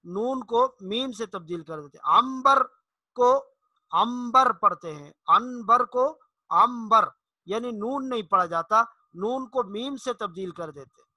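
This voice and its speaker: A man with a very high, bright voice gives a slow, patient lesson on reciting the Quran. He stretches out each example word and says it again and again. His is clear, and the sound is dry and close, with no room echo. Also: animated. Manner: drawls example words slowly and repeats them.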